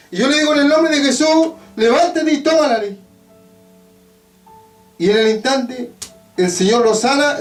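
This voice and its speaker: A very high-pitched man with a Chilean Spanish accent preaches, stretching out his phrases and returning again and again to the same refrain. He is heard from some distance in an echoey church hall. A faint guitar plays underneath. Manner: preaching with drawn-out, emphatic phrases and repeated refrains. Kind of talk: evangelical sermon testimony. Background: faint guitar playing.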